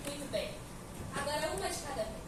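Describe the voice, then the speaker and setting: A woman's voice: high-pitched, expressive, a little fast. A woman playing a stern, vain head witch, a theatrical hag who teaches and scolds young witches. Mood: bossy. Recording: echoey, distant, noisy hall recording.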